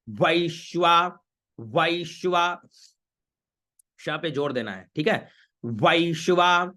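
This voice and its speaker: Slow, bright-voiced man teaching Vedic chanting. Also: on the high side. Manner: slow, patient, repeats each word syllable by syllable. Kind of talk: online class on reciting Vedic mantras. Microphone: camera facing the viewer.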